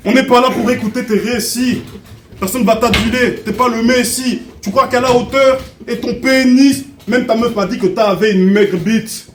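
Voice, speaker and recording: A man's voice: very high-pitched, moderate pace. A man delivering taunting, conversational a cappella battle rap. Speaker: battle rapper. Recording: echoey room, faint noise.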